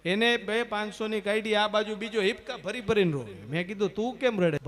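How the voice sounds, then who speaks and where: A man telling folk jokes on stage in a lively manner. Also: sits high, fairly quick. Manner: lively joke telling with acted voices, stammering bits for laughs. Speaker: folk storyteller and comedian. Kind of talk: Gujarati folk comedy storytelling on stage.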